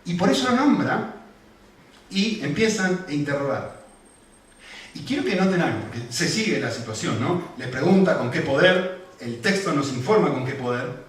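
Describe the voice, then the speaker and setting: A man's voice: on the high side, expressive, normal speed. A male pastor preaching in a conversational, emphatic way, asking his listeners rhetorical questions. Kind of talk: sermon. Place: church hall. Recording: very echoey hall from far off.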